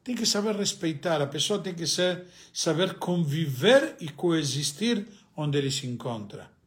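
An unhurried, animated man with a voice on the high side, a rabbi and native Spanish speaker with an Argentine accent, leads a religious lesson on the weekly Torah portion. He asks himself questions, answers them, and pauses hesitantly often.

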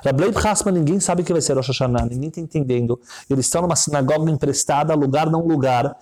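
A man preaching a sermon as a story, building his voice up to high emotional peaks and dropping low again, sometimes chanting short prayer lines. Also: fast, a little mellow.

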